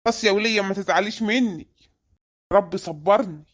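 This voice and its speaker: A performer voicing a stingy, grumbling middle-aged husband with an Egyptian accent, who scolds his wife in a quick, nagging way. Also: mid-range voice, close to an everyday voice. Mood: wary.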